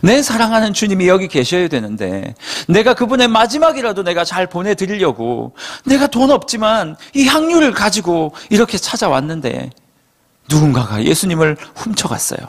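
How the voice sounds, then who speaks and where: A man voicing a grieving young woman who pleads in tears, in a high voice. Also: big pitch swings, moderate pace, full character voice. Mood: tearful pleading.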